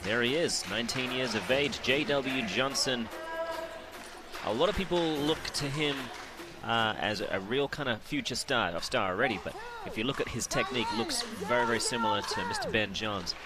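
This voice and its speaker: A man's voice: medium pitch, moderate pace, very noisy. A man in his late thirties giving chatty, analytical color commentary at a live match. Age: late 30s. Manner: chatty, laughs easily, analytical.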